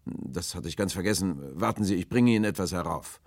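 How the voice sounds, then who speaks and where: A man voicing a blunt, practical sailor who talks loudly and directly in an audiobook. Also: low voice, very animated, a little fast, dry recording, pitched above the performer's own voice. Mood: firm. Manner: loud, calling across water, firm and direct. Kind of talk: audiobook character voice.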